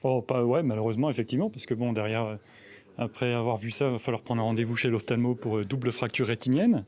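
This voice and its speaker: A man's voice: medium pitch, fast, darkish tone. A man interviewing a photographer at a festival, informal and joking.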